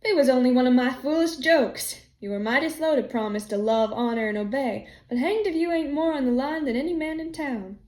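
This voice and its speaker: A woman voicing a blunt, jovial male townsman who talks louder and in a hearty, joking way. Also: high voice, brisk, few pauses, echoey room, lightly acted.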